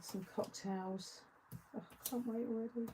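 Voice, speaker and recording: A woman's voice: fairly high pitch, fairly even intonation, measured pace, background noise. A woman hosting a live craft-along, chatting casually and answering viewer comments as she works. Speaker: craft show host.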